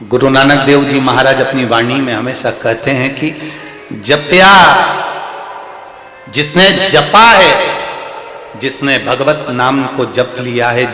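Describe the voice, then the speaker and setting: A man's voice: mid-range voice, a bit bright. A man giving a devotional scripture sermon, with emphatic repetitions and rising exhortations. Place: large live gathering hall. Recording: reverberant hall sound.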